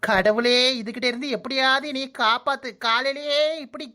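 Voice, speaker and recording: A woman's voice: high-pitched, moderate pace, sharp tone. A woman voicing a cheeky, lazy young daughter-in-law in a comic cartoon, sarcastic and prone to talking to herself, with a Kanyakumari Tamil accent. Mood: grumbling.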